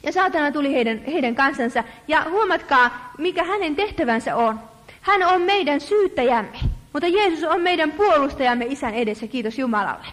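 A woman preacher giving an earnest sermon, speaking to her listeners as friends and slowing down to stress her points. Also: high voice, lively intonation, fairly bright tone. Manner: earnest, addresses listeners as friends, slows for emphasis. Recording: reverberant hall.

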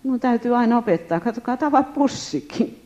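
A woman tells her testimony to a gathered audience, her pitch rising and falling with animation. Her voice is warm and mellow. The recording sounds dull and lo-fi. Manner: lively, addresses listeners directly. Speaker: speaker giving a testimony.

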